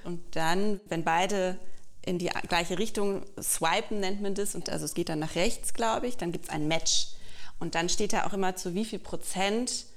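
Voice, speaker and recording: A woman's voice: lowish voice, normal speed. A woman of thirty-four, a podcast guest, chatting casually and thinking aloud as she talks. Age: 30s. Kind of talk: casual conversation.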